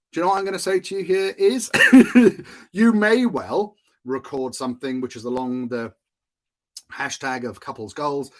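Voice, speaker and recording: Hosting a solo podcast episode, a Welsh marketing consultant chats loosely and seems amused with himself, often laughing at his own asides. He fills his speech with fillers and frequently restarts sentences, and his voice sits at an ordinary middle pitch for a man.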